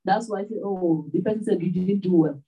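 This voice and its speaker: A woman's voice: on the low side, fairly quick, husky, far from the mic, dull audio. A woman preaching a sermon, full of rhetorical questions and repeated phrases.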